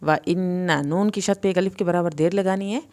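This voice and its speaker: A woman teaching Quran recitation rules, explaining each sound patiently step by step and reciting verses in long, drawn-out phrases. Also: mid-range voice, steady tone, warm tone. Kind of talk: tajweed lesson with slow recitation.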